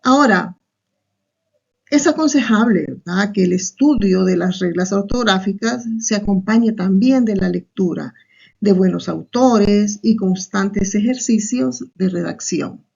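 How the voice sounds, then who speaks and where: A woman's voice: medium pitch, a little slow, vocal fry, darkish tone, breathy edge. A woman teacher with a Salvadoran Spanish accent, giving a recorded online class and explaining step by step, often tagging on a questioning aside. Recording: muffled lo-fi recording.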